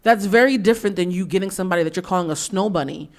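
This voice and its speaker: A woman in her thirties from the US East Coast, hosting a candid podcast conversation, blunt and animated, acting out quotes. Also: on the low side, very fast. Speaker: podcast host.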